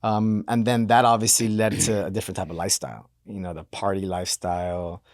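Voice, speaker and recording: Man, 30s, from Miami. Low voice, dry close recording. Relaxed, rambling storyteller. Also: fairly quick, no room sound. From Miami, Florida. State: banged up from hockey. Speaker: guest. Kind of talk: casual interview talk.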